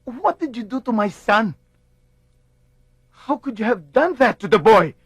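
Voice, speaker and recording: A man's voice: high-pitched, big pitch swings, a little slow, a bit bright, slightly rough, dry recording, studio quality, full character voice. A middle-aged actor playing a father who insistently defends his son. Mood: indignant. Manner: indignant, insistent. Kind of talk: film drama acting.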